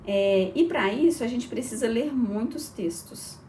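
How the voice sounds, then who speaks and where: A woman teaching an early reading lesson to children, encouraging and spelling out syllables slowly. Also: a little high, mellow, distant mic, slight background noise.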